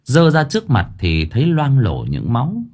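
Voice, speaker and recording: A man narrating a scripted audiobook story in an expressive storytelling manner. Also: medium pitch, normal speed.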